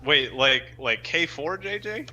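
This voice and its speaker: A man's voice: fairly high pitch, expressive, a little slow, lo-fi sound, crowd noise. A young man in casual group chat on a podcast, joking and swearing freely. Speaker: podcast host. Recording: noisy live stream audio.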